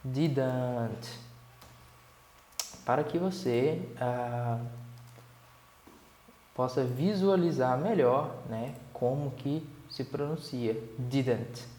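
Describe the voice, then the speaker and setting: Slow, careful Brazilian man teaching English. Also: medium pitch, dark tone, reverberant. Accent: Brazilian Portuguese. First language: Portuguese. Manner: slow, careful reading of English, chatty explanations with frequent "né" and "tá". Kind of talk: guided reading lesson, reading aloud and explaining.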